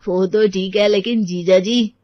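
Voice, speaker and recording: A woman's voice: mid-range voice, steady tone, measured pace, dry recording, highs cut off, pitched below the performer's own voice, natural voice. A woman voicing a teasing young adult man, a cheeky younger brother in a storybook tale. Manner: teasing, playful. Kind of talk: storybook voice acting.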